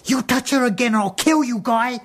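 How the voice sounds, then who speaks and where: A woman's voice: fairly high pitch, brisk, background noise, close to an everyday voice. A woman playing a sardonic, reluctant young character with a British accent in a radio comedy-drama, dry and nervy. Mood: nervy bravado.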